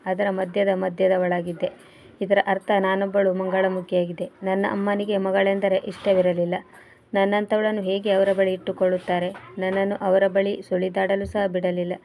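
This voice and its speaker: A woman reading as grieving Bhavani, plaintive and flat. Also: mid-range voice, moderate pace, natural voice. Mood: sorrowful. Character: grieving transgender woman telling her past.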